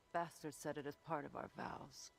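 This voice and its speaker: An actress playing a grim, resolute warrior woman in a game cutscene, speaking with bitter, measured hardness. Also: low voice, steady tone, creaky, exaggerated voice.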